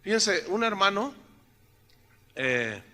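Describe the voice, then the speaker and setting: A man's voice: high-pitched, very animated, slow, pushed and bright. An older male pastor, preaching in a church in a joking, conversational way, full of rhetorical questions to the congregation, his throat slightly sore. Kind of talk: sermon. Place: church sanctuary.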